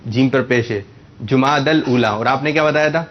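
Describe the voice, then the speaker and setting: A man's voice: mid-range voice, a little hiss or hum. Patient male quiz host, slightly muffled. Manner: patient, corrects and repeats answers slowly. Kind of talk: hosting a religious quiz with children.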